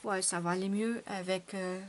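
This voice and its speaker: A woman's voice: mid-range voice, steady tone, moderate pace, slight background noise. A woman, chatting at home as she tests art supplies, thinking aloud to her viewers with many fillers. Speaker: art channel host. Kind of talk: casual chat while swatching art supplies. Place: at home with her cat nearby.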